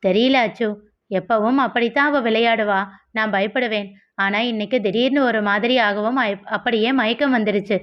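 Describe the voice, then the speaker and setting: An exasperated young wife scolds her sleepy husband, as a woman narrator reads her. The voice is a bit high, and the sound is dull and lo-fi. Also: moderate pace, close to an everyday voice. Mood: soft. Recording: dull lo-fi audio.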